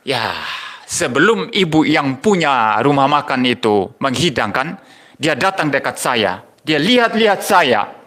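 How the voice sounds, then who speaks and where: Older pastor preaching brightly. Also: male voice, medium pitch, very animated, unhurried. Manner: storytelling, repeats key phrases for emphasis. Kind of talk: sermon with personal anecdotes.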